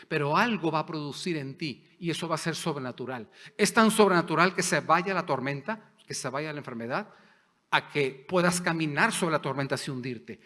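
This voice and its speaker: Impassioned preacher man in a reverberant church. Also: a little high. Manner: impassioned, swings between loud and hushed. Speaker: pastor. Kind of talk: sermon. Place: church sanctuary. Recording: long hall reverb.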